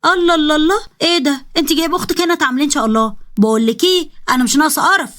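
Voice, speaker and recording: A woman with an Egyptian accent voicing a sharp-tongued older mother-in-law who scolds with scorn. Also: high voice, racing, voice pushed up. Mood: scornful. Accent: Egyptian Arabic.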